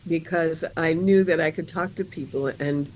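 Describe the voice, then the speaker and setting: An older woman, raised around Philadelphia, talking candidly and reflectively as a guest, often halting mid-thought and laughing easily. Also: sits low, steady tone, darkish tone, slight background noise, rough recording. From born in Arizona, raised in Philadelphia area. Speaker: guest, radio jazz presenter. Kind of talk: candid interview conversation.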